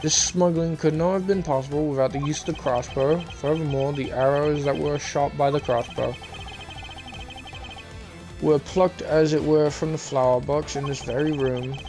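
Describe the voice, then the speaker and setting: Guy reading as a stiff formal prosecutor, measured and precise, game music behind. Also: a little high, steady tone, a little mellow, natural voice. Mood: confident. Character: composed, formal male prosecutor. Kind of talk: reading game dialogue aloud.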